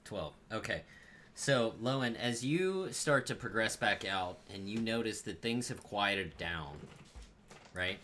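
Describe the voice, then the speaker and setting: A man narrating a tabletop game as game master, describing scenes with animated, restarting delivery. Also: lowish voice, slow, a little hiss or hum.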